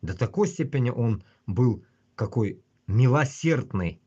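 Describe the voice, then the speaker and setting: A man with a husky voice, ranting casually and bluntly on a livestream with constant swearing. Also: medium pitch, animated, unhurried, warm tone, dull audio. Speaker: livestream host. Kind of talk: casual rambling livestream rant.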